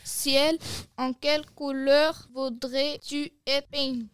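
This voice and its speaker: A woman's voice: sits high, flat delivery, slow, dry recording, studio quality. A woman reading the part of God, a male creator painting the world, in a read-aloud storybook tale. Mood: deliberating.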